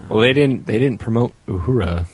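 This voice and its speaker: A man doing casual movie commentary who makes quick, matter-of-fact remarks. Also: mid-range voice, darkish tone, breathy edge, dry recording. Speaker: podcast commentator.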